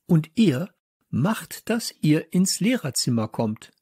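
A man reading a children's audiobook, voicing a strict woman teacher who gasps in shrill indignation. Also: big pitch swings, unhurried, a little mellow, slightly rough, no echo, clean studio sound, heavily acted. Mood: outraged. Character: strict, easily shocked woman teacher on break duty.

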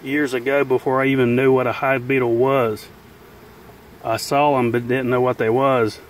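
Bees buzz faintly as a beekeeping channel host chats plainly through his filming inside a chicken pen, taking his time and speaking with folksy grammar. His mid-range voice moves little in pitch, and the poor recording has a bit of hiss or hum.

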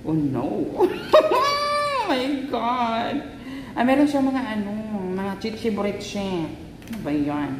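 A woman's voice: medium pitch, unhurried, recorded from a distance. Giggly Filipino woman unboxing, echoey room. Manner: excitable, giggly, mixes Tagalog and English. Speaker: vlogger. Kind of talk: casual unboxing vlog. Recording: echoey room, faint ambience.

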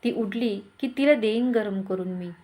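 A woman's voice: mid-range voice, normal speed, dark tone, natural voice. A woman voicing a caring older mother-in-law, speaking in a bossy yet tender way.

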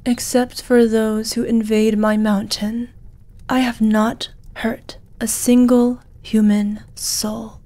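In a fantasy ASMR roleplay, a woman voices a gentle, seductive dragon lady, soft, breathy and half-whispered, intimate and tender. Her fairly high voice stays level and slow, sounding wounded and sorrowful.

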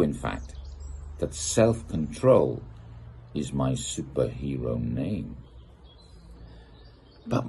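This middle-aged man from the UK brings a playful, expressive touch to a children's picture book he reads aloud. The recording was filmed in a garden gazebo with the camera at about desk distance, and his voice is low-pitched and slightly rough.

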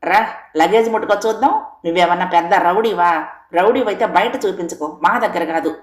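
A woman's voice: on the low side, fairly quick, natural voice. Unyielding older man with firm retorts, done by a woman narrator, audio story, roomy sound. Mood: defiant. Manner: firm, retorting, matching anger.

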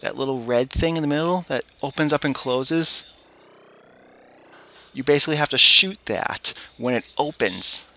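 A man's voice: mid-range voice, normal speed, sharp tone, a little hiss or hum. A man giving casual, jokey let's-play commentary on a retro game. He often stops to correct himself.

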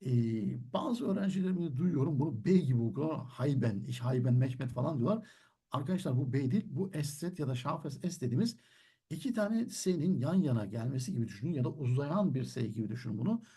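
A man's voice: fairly high pitch, lively intonation, brisk, dark tone, husky. A man teaching German, explaining patiently and answering his own questions. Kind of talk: classroom-style language lesson.

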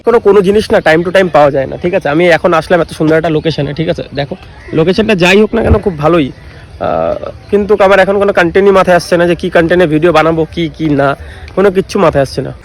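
A man's voice: high voice, racing. A young man from West Bengal, chatty and playful, vlogging on a handheld phone at a lakeside park. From West Bengal, India. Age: young adult. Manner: chatty, addresses viewers as brother, playful. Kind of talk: casual vlog narration. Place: outdoor park by a lake, street.

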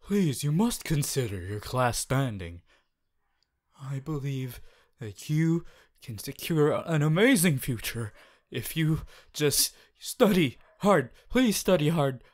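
This ASMR audio roleplay has a man playing a stern, earnest teenage class president who pleads with stiff, formal wording. His slightly high voice is expressive and unhurried, the tone preachy and exasperated.

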